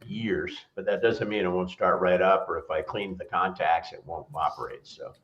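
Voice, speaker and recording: Laid-back guy rambling on a video call, lowish voice, echoey room, kinda muffled. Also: fairly even intonation, normal speed, fairly bright tone. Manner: rambling, easygoing, self-deprecating. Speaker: regular panelist on a livestream. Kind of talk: casual chat. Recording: roomy, dull lo-fi call audio.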